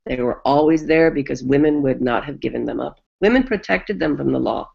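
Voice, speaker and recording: An older American woman, a midwife, telling the oral history of her craft in an animated way, full of restarts. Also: rumbling low, fairly quick, gravelly, breathy edge, dull audio. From United States. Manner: animated, acts out quoted voices, many restarts.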